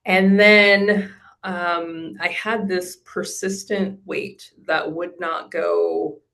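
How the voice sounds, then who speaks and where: A woman in her forties with a fairly low voice, talking in a loose, rambling way. She circles through her thoughts with plenty of fillers and restarts, as in a relaxed video interview. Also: very slow, vocal fry. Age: 40s. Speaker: program client giving a testimonial. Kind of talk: casual interview.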